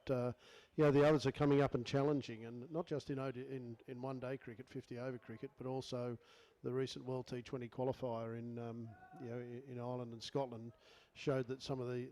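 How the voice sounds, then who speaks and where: Aussie guy talking cricket, quiet and understated, pretty monotone, faint ambience behind. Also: mid-range voice, a little hiss or hum, low-quality recording. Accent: Australian. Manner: understated, quiet, hesitant with fillers. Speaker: cricket development manager, guest commentator. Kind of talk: casual expert commentary. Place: commentary position at a cricket ground.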